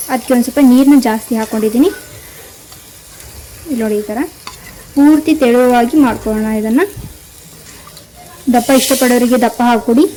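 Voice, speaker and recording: A woman hosting a cooking channel, calmly talking viewers through a recipe step by step. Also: fairly high pitch, slight background noise, poor audio. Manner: calm step-by-step instructing, addresses viewers directly. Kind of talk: cooking demonstration voice-over.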